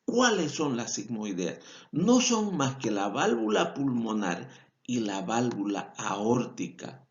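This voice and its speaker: Bolivian male vet lecturer, slow patient explainer, lively intonation, dull lo-fi audio. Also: medium pitch. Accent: Bolivian Spanish. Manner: explanatory, repeats key points, self-corrects. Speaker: veterinary lecturer. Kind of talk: recorded lecture over slides.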